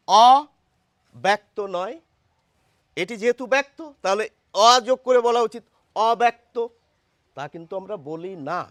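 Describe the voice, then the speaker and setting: High, lively Bengali teacher at a blackboard. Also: male voice, no echo. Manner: explains step by step, asks questions to the viewer. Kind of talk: blackboard pronunciation lesson.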